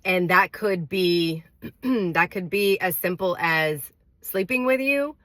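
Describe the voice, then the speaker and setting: A woman's voice: on the low side, slow pace, fairly bright tone, dry recording. A woman with a congested voice, under the weather, giving earnest, careful dating advice straight to her viewers with many fillers. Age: adult with a daughter. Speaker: vlogger. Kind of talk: casual advice to camera.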